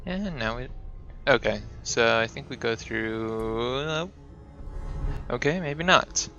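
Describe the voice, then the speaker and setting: A man's voice: mid-range voice, lively intonation, slow, pushed and bright, lo-fi sound. A man giving playful let's-play commentary, exclaiming and muttering to himself as he plays. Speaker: gamer. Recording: commentary over game music.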